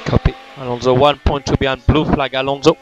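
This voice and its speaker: Over noisy motorsport team radio with the highs cut off, a race engineer talks a little fast in a steady, medium-pitched voice. His instructions are terse, clipped and repeated.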